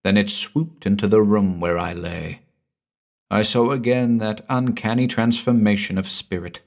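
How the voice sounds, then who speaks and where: A man reading a first-person horror story aloud in a slow, measured, brooding way. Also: lowish voice, vocal fry. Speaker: audiobook narrator. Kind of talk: scripted horror story narration.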